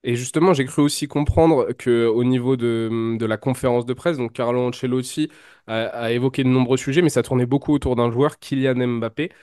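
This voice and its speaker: A man's voice: medium pitch, steady tone, brisk, a little mellow, no echo, clean studio sound. Hesitant man hosting a football show. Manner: hesitant, many fillers. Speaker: host. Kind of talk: casual chat.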